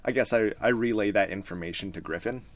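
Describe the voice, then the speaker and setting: A man playing a tabletop game, speaking casually in a relaxed, hesitant, soft-spoken way. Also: on the low side, fast talker. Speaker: player.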